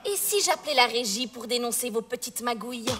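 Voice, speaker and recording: A woman's voice: on the high side, lively intonation, brisk, fairly bright tone, a little hiss or hum. A woman playing an angry tenant in a stage comedy sketch, indignant and confrontational.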